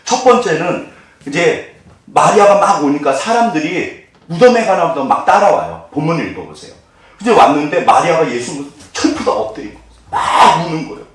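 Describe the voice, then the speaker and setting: A man's voice: fairly high pitch, normal speed. A male pastor preaching a sermon, asking the congregation questions and answering them himself, acting out voices along the way. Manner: animated, acts out quoted voices. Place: church sanctuary. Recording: very echoey hall, mic at a distance.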